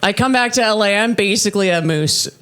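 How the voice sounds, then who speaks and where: A woman in her thirties performing live stand-up, her voice low for a woman. She delivers her set deadpan and self-deprecating, in a steady, unhurried tone. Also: background noise. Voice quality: low, husky-toned voice for a woman. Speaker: stand-up comedian. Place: comedy festival stage.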